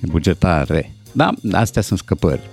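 A man's voice: deep voice, gravelly, mellow, soft background music. A man commenting on grammar on a radio morning show, wry and explaining patiently with fillers. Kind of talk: relaxed studio banter and explanation.

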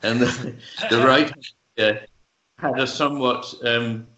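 Lowish guy explaining stuff slowly, lots of ums and restarts, echoey room, kinda muffled. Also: steady tone, bright, forceful tone. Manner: measured, hesitant with fillers and restarts. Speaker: guest author. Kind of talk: thoughtful explanatory interview talk. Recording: roomy, dull lo-fi sound.

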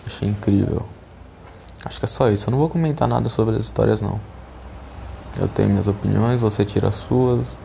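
A man's voice: on the low side, fairly quick, creaky, long pauses, mellow, slight background noise. A man with a Brazilian accent, a podcast host reading a short story aloud in a casual way, who curses at his own slips. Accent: Brazilian Portuguese.

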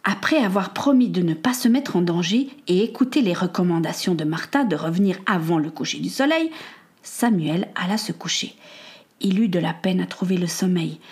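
Calm woman reading a storybook aloud. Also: mid-range voice, normal speed. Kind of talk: storybook narration.

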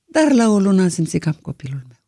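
An older woman from Romania, a singer with a deep, low voice, telling stories in an interview in a lively, expressive way. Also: husky, dry recording, studio quality. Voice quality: low, deep singing-trained voice. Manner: lively, expressive anecdotal storytelling. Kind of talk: storytelling in an interview.

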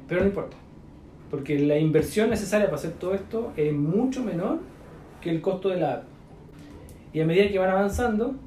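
A man's voice: high voice, darkish tone, slight background noise. A man with a Chilean accent, mentoring entrepreneurs in a casual chat full of slang, fillers and coaching asides. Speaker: business mentor. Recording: echoey room.

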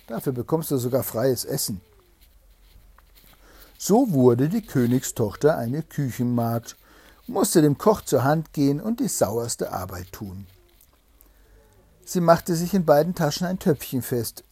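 A man reading a fairy tale aloud to a child, pausing to explain the story gently. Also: medium pitch, creaky, husky, dry recording.

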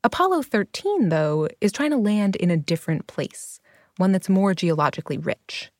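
A woman's voice: medium pitch, sing-song, moderate pace, dry recording, studio quality. A woman narrating a scripted documentary in an informal, explanatory way with emphatic phrasing. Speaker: narrator and host. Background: background music.

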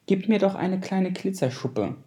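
A small, timid little blue fish who begs eagerly, as a man voices him. The voice is lifted well above the reader's own, with a soft, mellow tone. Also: high-pitched, animated, measured pace, pitched above the performer's own voice. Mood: pleading. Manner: pleading, eager.

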